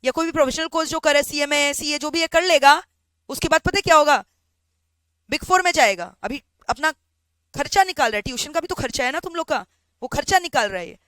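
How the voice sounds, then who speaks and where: A woman's voice: high voice, a little fast, no echo. A woman teaching a law class, acting out both sides of a story and often checking whether students follow. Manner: animated, acts out both sides of a story, asks "samajh mein aa raha hai?".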